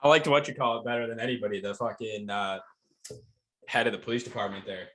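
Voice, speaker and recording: Man, low voice, casual podcast co-host, rambling, filler-heavy, swears. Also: fairly even intonation, quick pace, a bit bright, poor audio. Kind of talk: casual chat.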